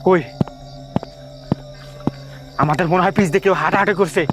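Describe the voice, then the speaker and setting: Outdoors at night near fields and trees, a man leads a staged ghost search, frantically repeating his calls again and again. His voice sits high, with a steady tone and moderate pace. Music plays in the background of this staged horror search in the dark.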